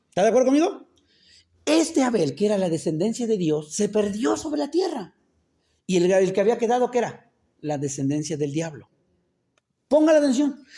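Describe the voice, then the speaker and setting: A man's voice: high-pitched, creaky, dark tone. A man preaching a casual sermon. He keeps quizzing the congregation with rhetorical questions and makes joking asides. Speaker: pastor. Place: church.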